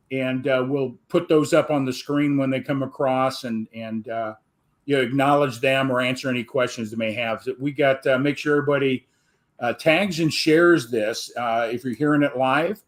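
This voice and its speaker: A man hosting a live online show, introducing his guest in a loose, rambling way. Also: mid-range voice. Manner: rambling, many fillers and restarts. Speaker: host.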